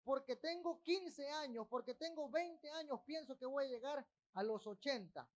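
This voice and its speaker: A man's voice: extremely high pitch, moderate pace, highs cut off. A man preaching a sermon as pastor of a church, breaking off with asides to the congregation. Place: church in Texas.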